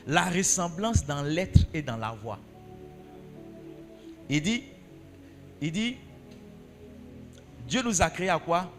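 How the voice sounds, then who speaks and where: A pastor with a fairly high voice preaches to his congregation. His pitch swings widely as he repeats his points and asks questions. Soft music plays underneath. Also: sing-song, slow pace, long pauses, in a large hall. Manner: repeats key phrases for emphasis. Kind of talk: sermon.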